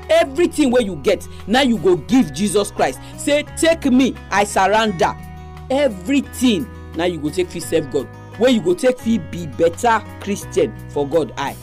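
A woman's voice: on the low side, a little mellow. A woman with a Nigerian accent speaking Nigerian Pidgin as she introduces a religious radio programme. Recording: music behind the voice.

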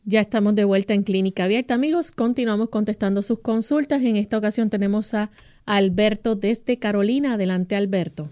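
A radio host introducing callers in a brisk, welcoming way. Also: female voice, medium pitch, warm tone.

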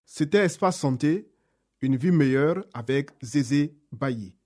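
A man's voice: on the high side, animated, a little slow, a little mellow. A man announcing the station and the next program in a station announcement. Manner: announcing, emphatic.

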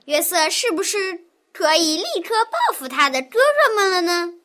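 Lady putting on a tiny eager little boy voice, super high and bright, asking stuff in a kids story. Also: very animated, moderate pace, heavily acted. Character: curious little boy listener. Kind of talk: children's story dialogue.

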